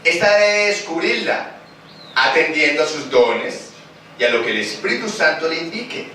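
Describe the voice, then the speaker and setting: A man's voice: a little high, lively intonation, normal speed, sharp tone. A man preaching a sermon, questioning the congregation and acting out scenes. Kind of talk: sermon with call and response. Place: church hall. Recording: echoey church recording from far off, noisy.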